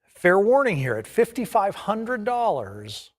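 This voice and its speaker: A man's voice: high voice, sing-song, unhurried. A man working as an auctioneer, calling bids in a repetitive chant of numbers and increments.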